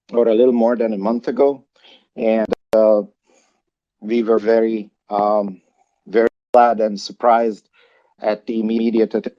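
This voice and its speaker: A man's voice: lowish voice, highs cut off. A man from Hungary who founded a project, talking casually on a livestream with lots of fillers and restarts. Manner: halting, many fillers and restarts.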